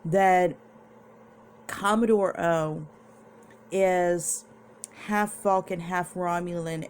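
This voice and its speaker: A young woman talks through a TV episode in a relaxed home vlog, her voice a little low for a woman. She takes her time, drifting and restarting as she recaps. A faint hum sits under her voice. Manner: chatty, meandering, with restarts. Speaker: vlogger reviewing a TV episode. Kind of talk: casual recap and review.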